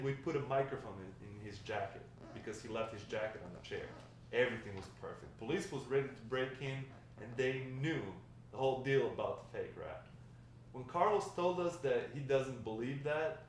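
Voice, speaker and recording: At a table read, a man plays a wry old grandfather spinning tales of his drug-dealing past. His medium-pitched voice is expressive, fairly quick, and natural. He sounds distant in a roomy, very echoey space with faint noise.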